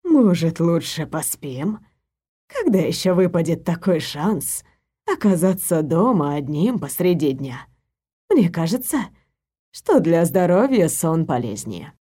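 A woman's voice: on the low side, big pitch swings, measured pace, warm tone, husky, pitched below the performer's own voice, heavily acted. A woman voicing a worried middle-aged mother who fusses over her husband in an audiobook. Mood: concerned. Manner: fussing, solicitous. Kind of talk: audiobook character voice.

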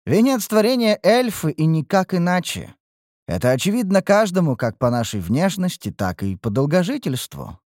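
A man voicing a haughty, disdainful young female high elf in an audiobook. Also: big pitch swings, brisk, few pauses, a little mellow, dry recording, studio quality. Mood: scornful. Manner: arrogant, disdainful.

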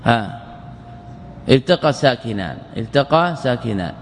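A man teaching Arabic morphology in a lecture, repeating words slowly and asking and answering his own questions. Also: medium pitch, sing-song, slight background noise. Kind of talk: classroom lecture explaining grammar. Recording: long hall reverb.

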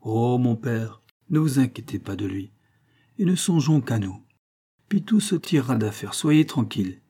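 A man reading aloud, voicing an anxious young woman who pleads with her father in a raised, higher voice. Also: big pitch swings, normal speed, warm tone, slightly rough. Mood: pleading.

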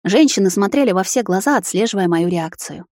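A woman reading a romantic fantasy audiobook in calm, even first-person narration on a close mic. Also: mid-range voice, fairly quick, no echo.

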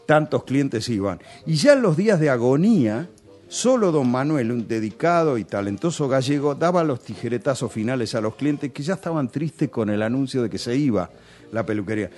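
With faint music in the background, a Rioplatense-accented man shares nostalgic anecdotes on the radio, chatting in local slang. His mid-range voice sounds animated and darkish, and his speed is normal.

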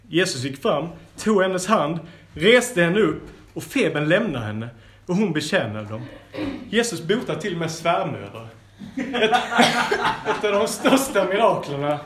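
A man with a fairly high voice leads a Bible school lesson. He reads scripture aloud and breaks in with lively, playful asides. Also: slight background noise.

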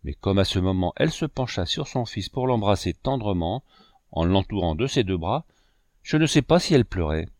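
A man narrating a classic novel as an audiobook, measured and expressive, on a close mic. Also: low-pitched, no echo. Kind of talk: scripted narration.

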